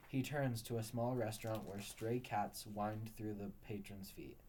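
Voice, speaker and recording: A man reading a story aloud at a steady, unhurried pace. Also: on the low side. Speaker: narrator.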